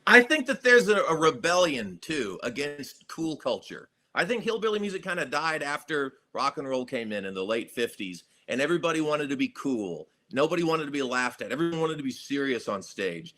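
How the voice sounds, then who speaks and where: A man with a bright, forceful voice talks as a guest in a casual interview. He is reflective and animated, and he laughs easily. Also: fairly high pitch, moderate pace, hardly any pauses. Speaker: guest musician.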